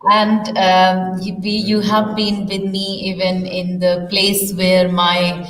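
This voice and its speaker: A woman's voice: medium pitch, monotone, slow pace, fairly bright tone, faint music behind. A woman hosting an interview and explaining yoga in a conversational way. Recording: distant, echoey hall with faint noise.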